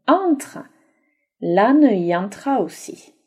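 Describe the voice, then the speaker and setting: Woman storyteller, slow and animated, mellow dark tone. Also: medium pitch, slightly rough. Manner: slow, lively intonation. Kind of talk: storybook reading aloud.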